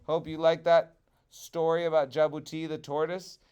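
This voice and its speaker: A man telling a children's trickster tale as storyteller, dramatic, with swelling phrases and hushed endings. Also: a little high, flat delivery, moderate pace. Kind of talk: expressive children's storybook narration.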